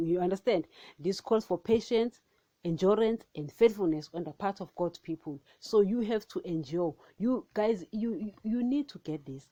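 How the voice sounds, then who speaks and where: A woman's voice: on the low side, dark tone, highs cut off. A woman preaching an informal podcast sermon, emphatic and repetitive, often asking whether the listener understands. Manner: emphatic, asks the listener "you understand?" often, repeats herself.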